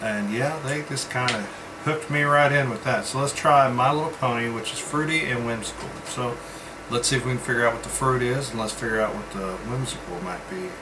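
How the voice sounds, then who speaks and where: Male vlog reviewer, mid-pitched, casual and rambling with halting pauses, noticeable room hum behind him. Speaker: vape reviewer. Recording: steady background hum, like air conditioning.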